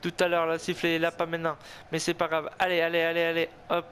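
Man, high voice, casting note: excitable gamer commentating his own football match, tense and repetitive, faint hiss behind. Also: fast talker. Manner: tense, excitable, cheering himself on, repeating words. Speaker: gaming video host. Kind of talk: excited self-commentary of a football video game.

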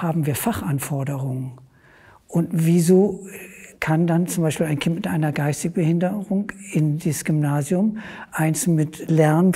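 A man's voice: fairly high pitch, dark tone, husky. A man as a guest in an academic discussion, thinking aloud and telling examples.

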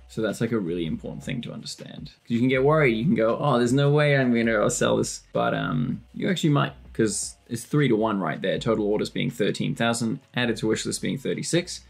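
Gravelly-voiced man with a casual chat. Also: medium pitch. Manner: chatty, self-deprecating and joking. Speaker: tutorial presenter. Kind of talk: casual screen-share walkthrough.

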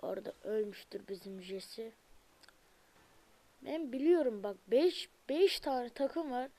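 A young woman commentating her own gameplay, alternating muttered remarks with loud frustrated outbursts and asides to viewers. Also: a little high, takes it slowly. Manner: excitable, frustrated outbursts at the game; talks to viewers, asks them to subscribe. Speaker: gaming video creator; student.

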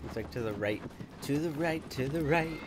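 Joking man with a lively voice. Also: fairly high pitch, normal speed, noisy background. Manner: joking, giggly, swears freely. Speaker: co-host of a let's play. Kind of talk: casual gameplay commentary.

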